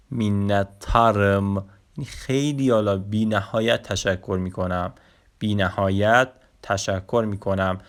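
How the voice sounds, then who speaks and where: Lowish-voiced man teaching slow phrase drills. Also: gravelly, fairly bright tone. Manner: says Turkish phrases very slowly and repeats them, then explains fast. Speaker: Turkish language teacher. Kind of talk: online language lesson.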